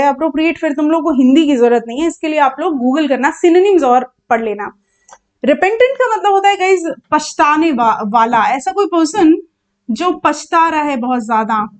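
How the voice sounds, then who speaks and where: A woman with an Indian accent teaching English vocabulary online, explaining each word and asking the class questions as she goes. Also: high voice.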